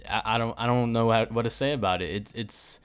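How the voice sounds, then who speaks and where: A young man talks his way through a solo podcast, rambling from topic to topic and tossing in jokes and asides. His voice is smooth and clear, sitting at an ordinary middle pitch for a man. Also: brisk. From United States. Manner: rambling, joking, animated asides. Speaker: podcast host. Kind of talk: casual solo chat.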